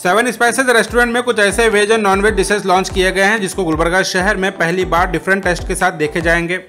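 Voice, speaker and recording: A man reading a local news voice-over report, listing dishes in a brisk report tone. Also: high voice, fairly even intonation, pushed and bright, soft background music.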